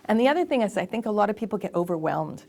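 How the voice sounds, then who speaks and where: A woman voice actor and casting director giving lively, emphatic advice in a conversational interview. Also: mid-range voice, very fast, vocal fry.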